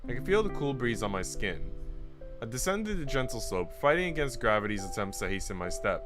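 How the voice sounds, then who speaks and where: Over guitar and instrumental background music, a streamer reads a visual novel aloud and chats slangily with his audience. His medium-pitched voice is very animated and a little fast.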